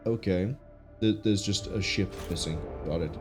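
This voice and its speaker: A man's voice: low-pitched, moderate pace. A man with a stuffy nose, sounding ill, gives casual gameplay commentary as a streamer, musing and thinking aloud. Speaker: game streamer. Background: game music.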